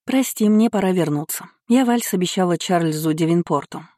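An audiobook reader voicing a lively, teasing young duke's daughter in a raised voice. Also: mid-range voice, moderate pace, no room sound, studio quality, lightly acted. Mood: brisk. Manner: playful, arch. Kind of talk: audiobook character reading.

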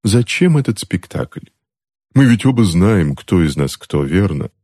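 A man voicing a cold, sardonic aunt who speaks slowly and coolly and mocks her husband. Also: deep voice, very animated, dark tone, husky, no echo, clean studio sound, exaggerated voice. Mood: weary. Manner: unhurried, cool, mocking. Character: cold, sardonic witch aunt reading a book. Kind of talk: audiobook character voice.

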